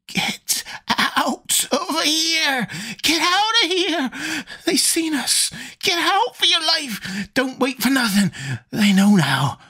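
Man putting on a shrill raving old coot. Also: big pitch swings, takes it slowly, pushed and bright, heavily acted. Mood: panicked. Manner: shrill, frantic, rustic dialect. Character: terrified raving old male drunkard.

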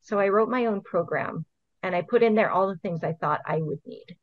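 A little fast and mid-range in pitch, the voice belongs to a middle-aged Hawaiian woman being interviewed as a guest. She's an invasive species program manager answering casually from home, explaining earnestly step by step and laughing occasionally. The video call audio is dull and dry, with no echo.

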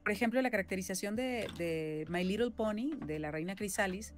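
A woman from Venezuela, a voice actress, explaining her work at length in a relaxed interview, often ending thoughts with a questioning tag. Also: medium pitch, brisk, soft background music. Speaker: voice actress and singer-songwriter, guest. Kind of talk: casual interview chat.

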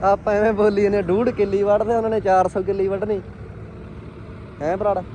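High-voiced man, hearty banter, engine noise. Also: level tone, brisk. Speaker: vlogger filming farm tractors. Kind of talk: casual live commentary to viewers and companions. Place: outdoors in a farm field near tractors. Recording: loud engine and outdoor vehicle noise.

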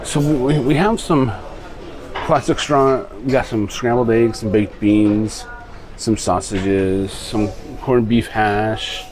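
A man's voice: fairly low pitch, fairly even intonation, takes it slowly, crowd noise, poor audio. A man vlogging a casual walkthrough of a ship's buffet restaurant, talking in an easygoing, rambling way into a handheld camera. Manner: easygoing, rambling tour talk. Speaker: travel vlogger. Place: ship buffet restaurant, indoors.

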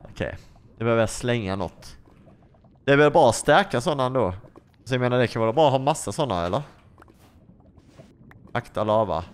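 A man giving excitable let's play commentary, asking question after question and swearing freely. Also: medium pitch, pauses often, clear, resonant tone. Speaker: gaming YouTuber.

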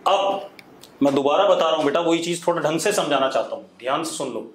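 A man's voice: fairly high pitch, quick pace, slight background noise. A man teaching a physics lesson live online, mixing Hindi and English, dictating phrases word by word and often checking that students follow. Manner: mixes Hindi and English, calls students "beta". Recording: echoey room.

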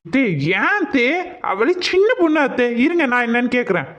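A woman's voice: sits high, very animated, normal speed. A woman playing a meek young daughter-in-law who pleads and placates, in a comic skit. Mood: pleading.

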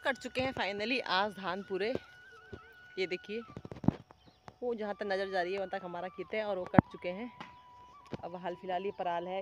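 A woman's voice: mid-range voice, background noise. A woman in her thirties with an Uttarakhand Hindi accent, casually narrating a village vlog as she explains farm work step by step. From India. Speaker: vlogger. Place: outdoors by rice fields and farmyard, then home kitchen. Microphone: phone camera, often held at arm's length.

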